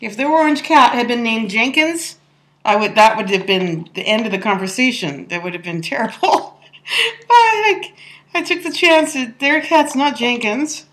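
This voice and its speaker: A woman's voice: on the high side, lively intonation, moderate pace, fairly bright tone, slight background noise. A woman telling a funny story in a casual, chatty voice-over, laughing often as she talks. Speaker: soap maker telling a story.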